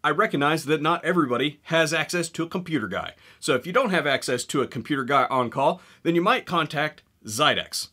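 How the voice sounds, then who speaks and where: With guns mounted on the wall behind him indoors, a thirty-something gun channel host chats casually to camera, wry and joking, and includes a sponsor read. He speaks with a higher male voice and a sharp tone.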